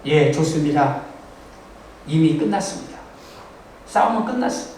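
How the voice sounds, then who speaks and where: A man preaches in a high, swooping voice, cracking jokes and breaking into sudden shouts. He is caught from across a big, very echoey church hall, with a faint hum underneath. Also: moderate pace, distant mic. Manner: animated, joking, bursts into shouting. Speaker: pastor. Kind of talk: sermon. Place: church sanctuary.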